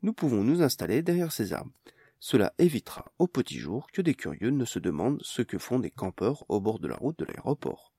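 A man voicing a calm, learned magician in an audiobook, with a measured, formal and reassuring delivery. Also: medium pitch, breathy edge, dry recording, studio quality.

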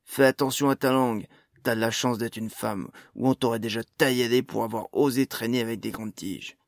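A man's voice: medium pitch, steady tone, a little fast, vocal fry, dry recording, clean studio sound, close to an everyday voice. A man voicing a young male dwarf gang leader in an audiobook, speaking hard and curt with swearing. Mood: hard hostile. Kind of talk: audiobook character voice.

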